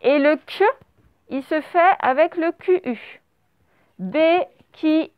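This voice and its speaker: A woman primary school teacher with a high-pitched voice gives a slow spelling dictation through a face mask, drawing out each syllable and spelling the letters aloud. There's no room sound, but the audio is narrow and phone-like, with traffic noise coming in through open doors.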